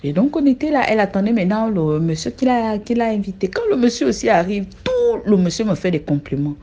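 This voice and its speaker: Animated young Cameroonian woman storyteller. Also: brisk, muffled recording. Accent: Cameroonian French. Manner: animated, with frequent restarts and high exclamations. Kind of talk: casual spoken testimony.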